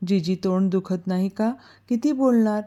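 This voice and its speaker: A woman's voice: mid-range voice, normal speed, warm tone, natural voice. A woman voicing a protective young man who gives firm, caring orders, in a storybook reading.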